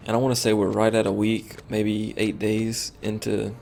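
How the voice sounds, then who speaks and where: A man's voice: fairly low pitch, completely flat delivery, moderate pace, gravelly, a little mellow, soft background music. A tired man streaming a game, rambling and thinking aloud with lots of fillers as he comments casually.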